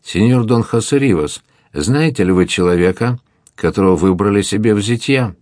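A man voicing a bold young buccaneer who speaks with calm, unshakable firmness. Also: on the low side, normal speed, dry recording, studio quality, lightly acted. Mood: calm firm.

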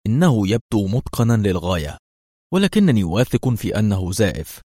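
A man voicing a corrupt, hot-tempered male police inspector who talks in a sneering, sharp way. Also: lowish voice, sing-song, fairly quick, dry recording, studio quality.

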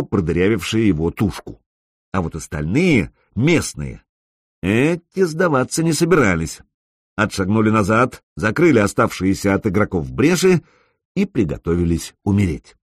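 A man's voice: breathy edge, no room sound, studio quality. A man reading a story aloud, narrating and raising his voice for the characters' lines. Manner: lively, raises pitch and volume for character lines. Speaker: audiobook narrator. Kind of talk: scripted narration with acted dialogue.

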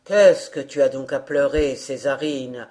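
A woman voicing a grieving father who is a retired sea captain in a fairy tale, speaking with gentle, fond exclamations. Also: rumbling low, measured pace, voice pushed down.

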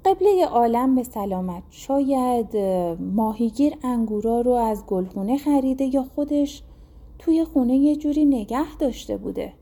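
A cunning court vizier who flatters his king while plotting, as a woman narrator reads him. Fairly high, mellow delivery. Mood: sly. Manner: sly, deferential to the king.

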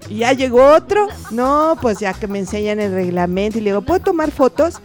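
A woman with a slightly high voice, appearing as an interview guest, tells an anecdote in a relaxed, chatty way at a fairly quick pace. She gets animated, slipping into the voices of the people she quotes and jumping up and down in pitch to act them out. Faint music plays behind her.

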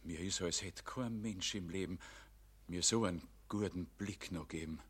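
A proud rich man who is afraid of dying, in a Bavarian radio play. His voice is bright and his delivery agitated and defensive. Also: mid-range voice, measured pace. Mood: anxious. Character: rich man facing death, fearful, proud. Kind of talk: broadcast radio play acting.

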